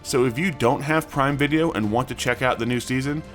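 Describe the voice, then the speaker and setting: A man's voice: medium pitch, brisk, a bit bright. Male news host over background music. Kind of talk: scripted news narration. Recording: music bed under the voice.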